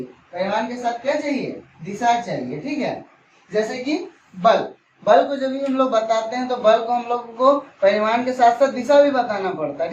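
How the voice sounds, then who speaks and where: A man's voice: extremely high pitch, slight background noise. A male school science teacher, teaching in a classroom. He asks his own questions, answers them, and acts out little everyday dialogues. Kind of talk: classroom lesson. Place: classroom with a board. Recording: echoey, distant, dull lo-fi.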